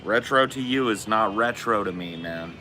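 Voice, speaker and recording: A man's voice: fairly low pitch, moderate pace, sharp tone. A man in his forties chatting casually on a live stream, laid-back and slangy, swearing often. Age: 40s. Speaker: streamer reading chat.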